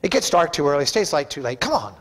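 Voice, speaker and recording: Fast-talking, with a fairly high voice that swings widely in pitch, a middle-aged pastor delivers a sermon from the pulpit in a church sanctuary. He comes across as emphatic, folksy, and conversational.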